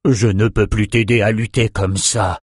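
A man's voice: lowish voice, normal speed, breathy edge, no room sound. A man voicing an old male wizard in an audiobook, making dry, understated remarks. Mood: rueful.

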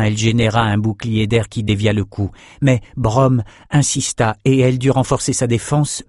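A man reading a fantasy novel aloud as narrator, in a steady, measured way. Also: fairly low pitch, no echo, studio quality. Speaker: audiobook narrator.

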